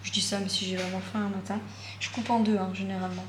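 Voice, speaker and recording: A woman's voice: medium pitch, little pitch movement, fast talker. A young woman chatting casually in a vlog at home, enthusiastic and rambling with many fillers and repetitions. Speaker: vlogger. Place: at home, indoors. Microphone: phone or camera close by. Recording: echoey room with background noise.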